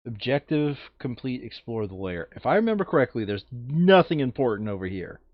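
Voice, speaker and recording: This tabletop player is very animated and fairly quick as he reads the rules aloud, thinks through his options and calls out his moves for a playthrough show. His voice sits in the mid range, and the recording is dry with the highs cut off.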